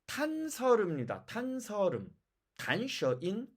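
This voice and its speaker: A language teacher based in China gives a pronunciation lesson, explaining each step and saying example words slowly more than once. Her voice sits at a medium pitch but swoops wildly up and down.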